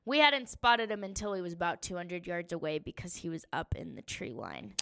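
A woman's voice: on the low side, fairly quick, gravelly, clear, resonant tone. A young woman telling a story of her hunt in a casual, chatty way, with many fillers. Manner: chatty, animated, lots of "um"s.

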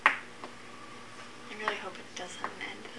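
A woman's voice: mid-range voice, flat delivery, takes it slowly, gravelly. A woman chatting casually as a player in a tabletop game. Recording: echoey, distant mic, very noisy.

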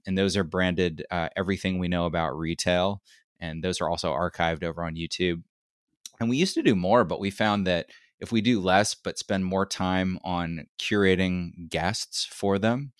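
A low-voiced man with a rough, gravelly whiskey tone, a bit hoarse from a lot of talking. He speaks conversationally as an interview guest, wandering through his points. The sound is close and dry. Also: fairly bright tone, no echo. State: slightly hoarse from much talking. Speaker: podcast guest, retail research lead. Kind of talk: casual interview talk.

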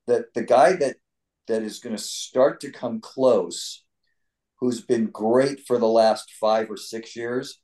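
A man's voice: medium pitch, takes it slowly, mellow. Dry-witted older man co-hosting a sports podcast. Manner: dry and wisecracking, thinking aloud. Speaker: podcast co-host. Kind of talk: casual sports podcast chat.

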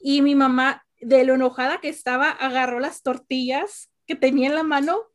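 A young woman hosts a relaxed family chat. Her voice sits high and she tells her stories with animation, asking questions as she goes. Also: normal speed. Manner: animated storyteller, asks questions. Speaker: podcast host.

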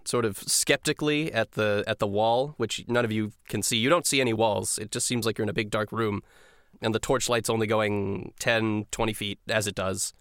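A man's voice: fairly low pitch, a bit bright, clean tone, no room sound, clean studio sound. A man narrating a tabletop game as game master in a casual, chatty way.

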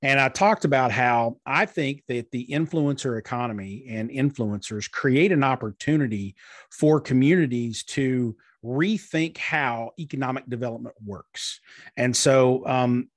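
Man, husky voice, dry close sound, earnest interview guest. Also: medium pitch, dry recording. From eastern Kentucky, USA. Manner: earnest, explanatory, with frequent fillers. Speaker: guest, marketing strategist. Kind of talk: conversational interview.

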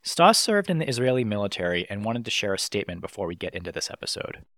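Speaking fast with a voice on the low side, a man hosts a podcast, reading his scripted opening before bantering playfully with a guest. He sounds animated throughout, recorded in studio quality with no echo.

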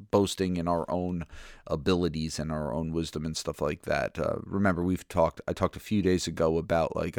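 Guy doing a bible reading podcast, kinda low voice, chatty, keeps saying right?, dry close sound. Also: creaky, no room sound. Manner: conversational, thinks aloud with restarts and frequent "right?" checks. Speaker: podcast host teaching through a Bible reading plan. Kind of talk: casual Bible teaching commentary.

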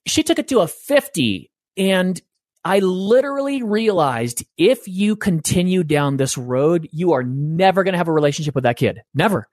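A middle-aged man, a parenting guest in an interview, talking in an animated storytelling way and acting out the voices he quotes. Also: sits high, moderate pace, no room sound, clean studio sound. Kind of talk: conversational interview.

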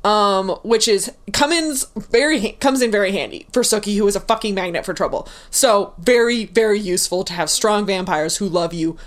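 A woman's voice: medium pitch, moderate pace, hardly any pauses. A woman co-hosting a podcast in casual chat, gushing and swearing, with many "like"s and "um"s and frequent laughs. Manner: laughing often, lots of "like" and "um"; gushing, profane. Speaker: podcast co-host.

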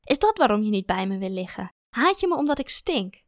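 A woman's voice: mid-range voice, sing-song, a little fast, dry recording. A woman voicing a clingy young woman who whines and takes offense easily, in a dry recording. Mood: hurt. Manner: whining, pleading, then sobbing with anger. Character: whiny, clingy young woman, quick to feel hurt.

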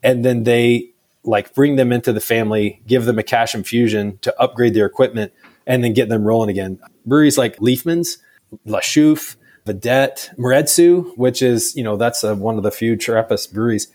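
A man's voice: mid-range voice, normal speed, darkish tone. A man answering interview questions about his brewery in a loose, chatty way, full of fillers. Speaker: brewery staff guest.

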